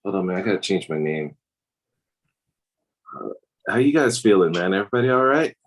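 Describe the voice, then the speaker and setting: A man's voice: low voice, expressive, brisk, rough recording. A tired, laid-back man chatting casually on a video call from his dinner table at home. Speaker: regular chat participant. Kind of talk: casual group video chat.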